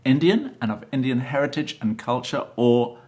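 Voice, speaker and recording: Chatty male interviewer, mid pitch. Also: normal speed, a little mellow. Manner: chatty, inquisitive, frequent interjections. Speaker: host, fashion photographer. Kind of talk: conversational interview.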